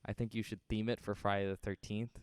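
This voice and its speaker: A man with a smooth, resonant voice co-hosting a podcast. He teases his partner in a laid-back way and laughs often. The sound is dry and close to the mic. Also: on the low side, level tone, brisk, no room sound. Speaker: podcast co-host. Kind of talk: casual chat.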